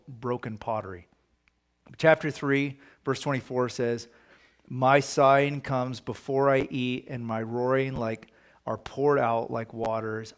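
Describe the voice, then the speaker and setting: A man's voice: medium pitch, vocal fry. A man leading a casual Bible study, talking conversationally and reading scripture aloud with emphasis. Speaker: pastor.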